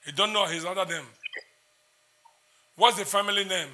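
A man's voice: high voice, moderate pace, bright, forceful tone. A man, preaching as a prophet in a church service, intense and repetitive as he declares prayers.

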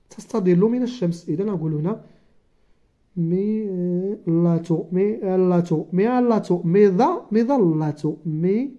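A teacher with a Moroccan accent giving a first-grade Arabic writing lesson, slowly sounding out letters and syllables one by one. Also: mid-range voice, mellow. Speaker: primary school teacher. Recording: dull lo-fi recording.

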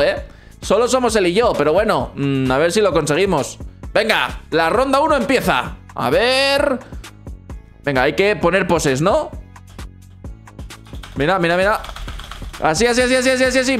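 Brief: playful young man, excited game commentary, repeats words in bursts. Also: high voice, normal speed, soft background music. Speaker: gaming youtuber.

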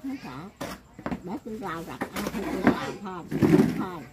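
Old woman rambling over loud noise. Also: medium pitch, very animated, normal speed. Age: older. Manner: rambling, laughs often while talking. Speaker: elderly woman being interviewed. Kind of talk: casual rambling chat.

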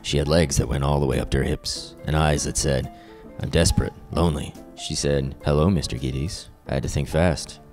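A man playing a hard-boiled ex-cop detective and narrating a comic noir parody, with deadpan, wisecracking delivery. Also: rumbling low, brisk, few pauses, faint music behind.

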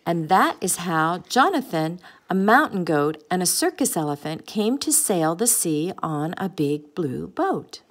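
A woman reads a picture book aloud with expressive, gentle narration. Her voice sits a little low. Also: measured pace, few pauses. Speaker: storybook reader.

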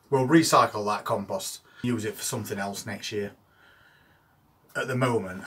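A gardening vlogger in his sixties from the United Kingdom, with an English regional accent, offers casual, plain-spoken, understated commentary outdoors in an allotment and inside a greenhouse. His voice is lowish, a bit bright, and slightly rough.

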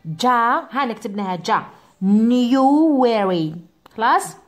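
A woman teacher with an Algerian Arabic accent stretches out each word and repeats it for her pupils. Her voice sits fairly high and swings widely in pitch. She moves now and then away from the mic. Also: sing-song, faint music behind. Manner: drawn-out repetitions of words for pupils. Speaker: English teacher. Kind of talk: classroom lesson.

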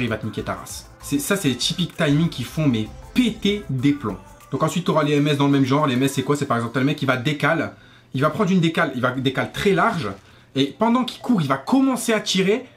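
A man's voice: fairly high pitch, a bit bright. A man, ranting casually as a gaming YouTuber in sweary street slang. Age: 20s. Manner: French street slang, swearing, familiar address. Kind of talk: casual rant to camera over gameplay. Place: small bedroom, indoors. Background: faint music.

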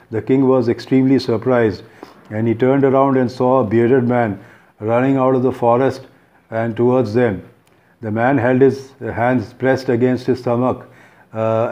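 A man with an Indian accent retells a short story off the cuff, pausing often with fillers and restarts, on a dull lo-fi recording. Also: medium pitch. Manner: hesitant, many fillers and restarts. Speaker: book talk presenter.

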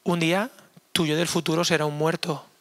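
A hoarse male pastor preaching an energetic, joking sermon to young people in a church, acting out quoted voices. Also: a little high, a little fast. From Spain. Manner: animated, jokey, acts out quoted voices. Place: church hall.

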